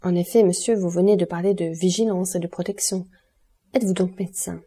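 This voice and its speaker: A frightened young invalid, as a woman reads her asks anxious, pleading questions in an audiobook. The voice is dark and mellow, slightly husky, and a little low. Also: fairly even intonation, a little fast. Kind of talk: audiobook character reading.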